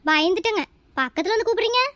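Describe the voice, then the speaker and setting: Cheeky high-voiced young daughter-in-law. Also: female voice, very fast, heavy background noise. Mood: eager. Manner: lively, cheeky. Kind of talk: family comedy skit.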